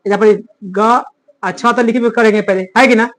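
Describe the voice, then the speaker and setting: A Sanskrit tutor teaches grammar in a high, steady, fairly bright male voice at a moderate pace. His talk is plain and rustic, and he drills the material by repeatedly asking himself questions and answering them.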